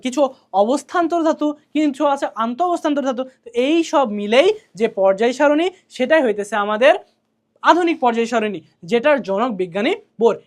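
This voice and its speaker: Woman tutor, quick and higher-pitched, chatty drilling style. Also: animated. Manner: drills key answers by asking and repeating them; colloquial, chatty. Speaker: teacher. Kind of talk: exam revision lesson.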